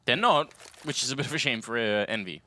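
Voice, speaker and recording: A man commentating an esports match, relaxed and analytical, often chuckling between calls. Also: medium pitch, fast talker. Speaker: esports caster. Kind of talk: play-by-play commentary.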